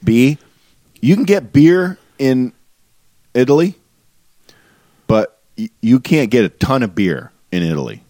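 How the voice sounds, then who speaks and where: A man's voice: medium pitch, very animated, measured pace, long pauses, dark tone, dry recording, clean studio sound. A man co-hosting a podcast, joking around and swearing freely in casual banter. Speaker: podcast co-host.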